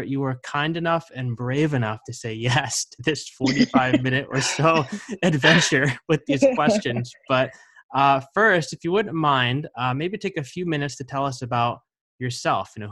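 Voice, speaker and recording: A man's voice: mid-range voice, a bit bright, dry recording. A man from New Jersey hosting an interview, friendly and easygoing as he brings in his guest. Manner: friendly, easygoing, with small laughs. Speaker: interview host.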